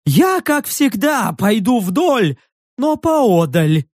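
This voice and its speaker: A man voicing a jittery, touchy furry male beast-man who yelps and shouts in a high, strained voice. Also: big pitch swings, slow, no echo, studio quality, heavily acted. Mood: indignant. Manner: high yelping, defensive shouting.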